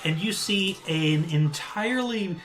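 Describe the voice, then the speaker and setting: A man's voice: high-pitched, a little slow, a bit bright. A man narrating an improvised tabletop game as game master, searching for words as he goes.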